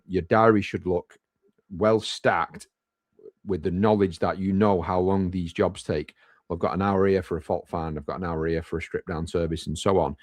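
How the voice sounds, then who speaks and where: A man's voice: sits low, no room sound, studio quality. A man co-hosting a live business Q&A, talking casually and bluntly with the odd swear word. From United Kingdom. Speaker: podcast co-host.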